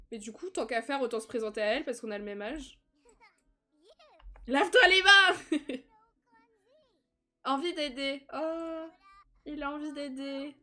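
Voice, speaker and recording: A young woman streams a life-simulation game with casual, chatty commentary, often laughing and breaking into excited squeals. Her voice sits high.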